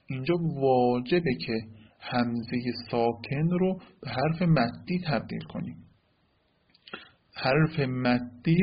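A man's voice: mid-range voice, husky, dull audio. A man teaching an Arabic grammar lesson, explaining step by step and often checking with "right?".

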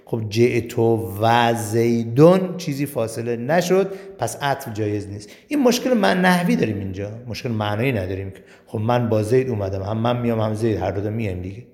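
A man's voice: mid-range voice, animated, hardly any pauses, darkish tone. A male teacher giving a grammar lesson, explaining step by step and asking and answering his own questions. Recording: long reverb in a hall.

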